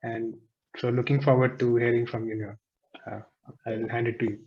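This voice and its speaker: A man's voice: medium pitch, flat delivery, normal speed, lo-fi sound. A man hosting a talk series over a video call, speaking evenly and in a businesslike way.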